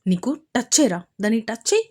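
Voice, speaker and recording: A woman voicing an angry, protective young husband who gives curt, forceful orders. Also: fairly high pitch, big pitch swings, a little fast. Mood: furious commanding. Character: furious protective young husband, commanding hero.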